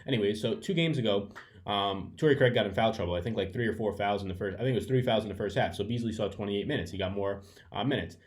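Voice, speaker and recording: Recorded on a webcam setup at home, a man walks through fantasy basketball picks in a casual, chatty way, rambling and fixing his own slips. His voice sits on the low side and is a little mellow. He's a fantasy sports analyst with allergies that keep him sniffling.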